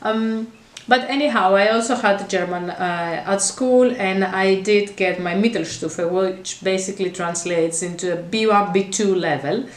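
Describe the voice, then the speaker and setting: A Greek vlogger whose first language is Greek talks casually to camera in a roomy space that gives her voice an echo. She's chatty and meandering, with frequent fillers and restarts, at a medium pitch and measured pace.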